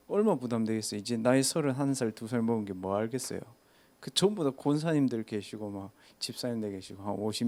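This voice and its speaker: A man's voice: fairly low pitch, a little mellow. A man, a pastor telling a story in a casual sermon and asking listeners rhetorical questions. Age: 30s.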